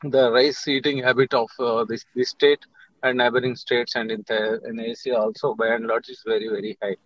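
Indian man, middle-aged, mid-pitched, halting panelist over a muffled video call. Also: little pitch movement, fairly bright tone. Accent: Indian English. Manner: halting, many fillers and restarts. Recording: dull, dry video call audio.

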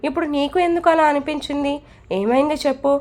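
A woman voicing a calm older grandmother who comforts her friend in a told story. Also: high voice, quick pace, close to an everyday voice. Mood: reassuring. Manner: soothing, comforting.

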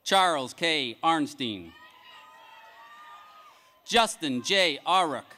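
A man reading graduates' names one by one at an outdoor commencement, in a measured, formal announcing cadence over a public address system. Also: fairly high pitch, animated, sharp tone. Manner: measured, announcing each name with a rising then falling cadence. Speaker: commencement name reader. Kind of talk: formal ceremonial name reading. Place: large outdoor graduation ceremony.

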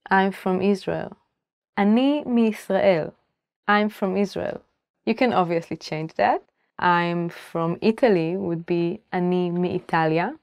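A young woman teaching a language lesson to camera, repeating each phrase slowly and clearly before explaining it. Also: medium pitch, a little mellow, no echo, clean studio sound. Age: 20s. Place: indoor studio, plain backdrop.

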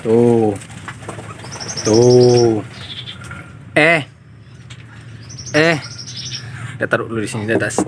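A man casually narrating for viewers as he checks a bird's nest, speaking low-key and calling the audience "bos" and "guys". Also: slow pace, long pauses, noisy background. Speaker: bird-keeping vlogger.

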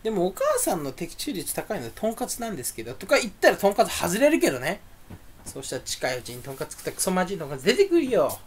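A young man rambling alone to his audience, grumbling and ranting with sudden loud bursts. His pitch leaps around in a lively, animated way, and his voice has a naturally angry edge. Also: fast, slightly rough. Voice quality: voice sounds angry even when not. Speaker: streamer. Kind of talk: solo rambling monologue.

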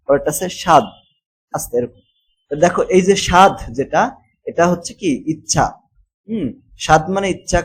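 A man, teaching a textbook lesson and repeating words slowly, with fillers and English words mixed in. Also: on the high side, breathy edge, poor audio.

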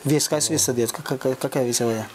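A man from Kyrgyzstan, co-hosting a casual interview with a rapid, repetitive, broken way of phrasing things. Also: mid-range voice, fairly even intonation, over a noisy crowd. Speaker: co-host judging fighters.

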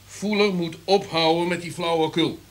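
In a radio drama, a male actor plays an imperious, irritable top executive, lecturing in a domineering, emphatic way with an angry, stern mood. His natural voice is a little high, with a steady tone and a moderate pace.

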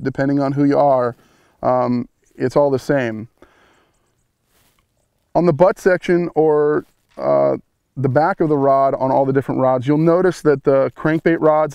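A man's voice: on the high side, a little mellow, clean tone, no echo, studio quality. A middle-aged man, a tackle brand manager, explaining fishing rod features outdoors by a lake in a casual, explanatory way with lots of fillers. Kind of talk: product demonstration.

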